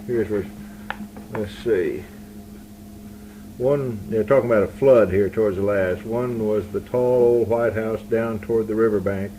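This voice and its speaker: A man's voice: lowish voice, unhurried, mellow. Rambling male interviewer on a noisy tape. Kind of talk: casual conversational interview. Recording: noisy 1981 amateur interview recording.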